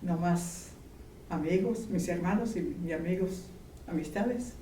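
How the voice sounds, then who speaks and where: A woman from Mexico, slowly and gently reminiscing in an interview. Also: fairly low pitch. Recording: roomy, distant, faint background noise.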